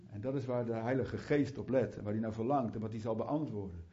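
A man's voice: fairly low pitch, fairly quick, warm tone. A man preaching a sermon in a fervent, conversational way, with chatty asides and restarts, often rising into heartfelt prayer. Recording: muffled lo-fi sound.

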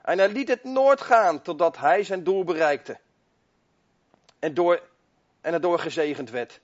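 A man preaches expressively at a measured pace, his voice high, using fervent repetition and mounting emphasis to land his points. It's recorded dull and lo-fi, like an old sermon tape.

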